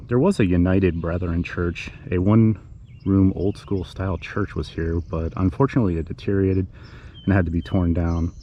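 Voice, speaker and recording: This outdoor vlog finds a man with a low voice narrating the history of a small neighbourhood cemetery as a casual tour. He talks in a hush, as though not to wake the neighbours, and the recording is slightly muffled with outdoor background noise.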